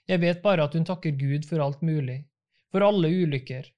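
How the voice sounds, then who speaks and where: A man's voice: on the high side, darkish tone, natural voice. A man reading as an ironic old prince. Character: old prince, mocking yet courteous father.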